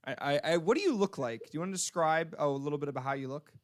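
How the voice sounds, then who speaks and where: A man with a fairly high voice runs a tabletop role-playing game as its game master. He narrates loosely, laughs often and stumbles through fillers and restarts. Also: animated, racing.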